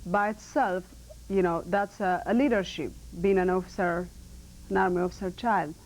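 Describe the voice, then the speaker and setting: A woman's voice: lowish voice, steady tone, low-quality recording. Ethiopian-accented woman, earnest and emphatic. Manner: earnest, emphatic, with halting non-native phrasing. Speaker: model and actress. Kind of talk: TV interview. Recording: 1990 TV broadcast.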